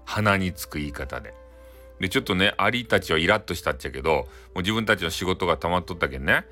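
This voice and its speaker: A man's voice: deep voice, lively intonation, fast, sharp tone, faint music behind. A man with a Hakata accent telling a bedtime folktale in a chatty, folksy way, often addressing his listeners. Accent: Hakata dialect. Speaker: storyteller.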